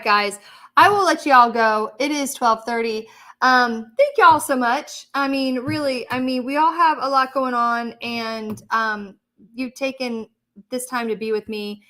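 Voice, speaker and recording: A woman's voice: on the high side, unhurried, sharp tone. A chatty woman hosting a casual livestream, laughing often and reading viewer comments. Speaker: livestream host.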